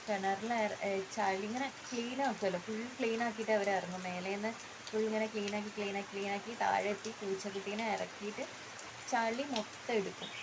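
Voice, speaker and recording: A woman's voice: medium pitch, fairly even intonation, brisk, background noise. A woman vlogger chatting casually, explaining step by step what is happening at her home. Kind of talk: casual vlog narration. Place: outdoors at home during heavy rain.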